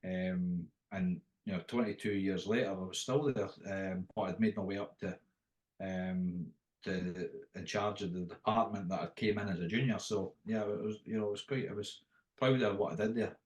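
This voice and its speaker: A man's voice: deep voice, moderate pace, reverberant, low-quality recording. A middle-aged Scottish man with a Dundee accent, telling career anecdotes in a casual, rambling interview style with frequent restarts. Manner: rambling, often restarts phrases mid-thought. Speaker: interview guest, after-dinner impressionist.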